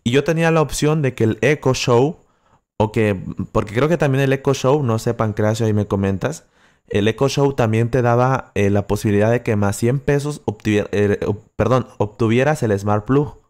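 Close to the mic, the young host from Acapulco responds to his livestream chat in a relaxed way, stumbling through fillers and restarts. He has a coastal Guerrero Mexican accent and a mid-range, slightly mellow voice at a normal speed.

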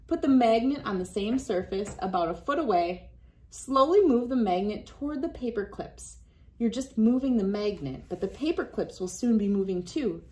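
The voice is mid-range and a little mellow, belonging to a woman in her thirties who reads a science book aloud and demonstrates for children. She speaks straight to young viewers in an encouraging way. A device camera about an arm's length off records her in a small wood-panelled room beside a window.

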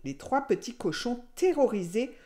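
Lively woman reading a children's story. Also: a little high, moderate pace. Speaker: teacher reading aloud.

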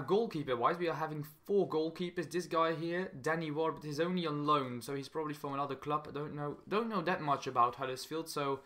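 Speaking a little high and with a fairly bright tone, a young Belgian man narrates his gaming channel casually. His English is non-native and halting, he often says the same phrases again, and his Belgian accent is evident.

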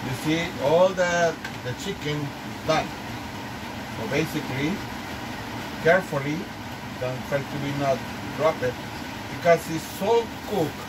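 A home cook in a small indoor kitchen talks through a casual cooking demonstration in a slightly high voice. His English is non-native and halting, with many restarts. The camera's mic picks him up from across the kitchen, where a clear background hum is audible.

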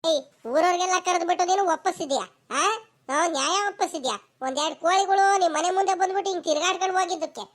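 A woman doing a shrill, scolding old village granny. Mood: complaining. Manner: scolding, rapid village dialect, calls out loudly.

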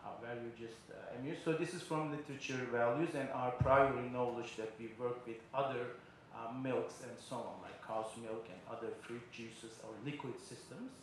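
At a podium mic in a big conference hall, a middle-aged keynote speaker lectures at a moderate pace, his medium-pitched voice fairly even in intonation. He walks through ideas step by step, often saying uh and using non-native phrasing. The recording carries strong hall echo, faint ambience and a little hiss or hum.

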